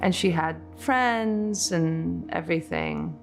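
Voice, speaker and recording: A woman's voice: lowish voice, takes it slowly, gravelly, soft background music. A woman in her forties from Poland, recalling her childhood casually in a documentary interview, with many fillers. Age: 40s. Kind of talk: documentary interview, personal recollection.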